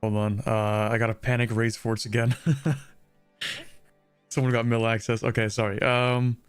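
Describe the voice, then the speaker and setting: A man talks casually as a co-op partner on a gaming stream. His voice has an average male pitch. Music plays faintly behind him. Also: little pitch movement, moderate pace, clear, resonant tone, dry recording.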